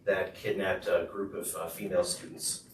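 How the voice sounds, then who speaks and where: A man interpreting a student's talk into English at a school board meeting, steady with frequent "uh". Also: sits low, measured pace. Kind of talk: consecutive interpreting. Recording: echoey room, far mic, noisy.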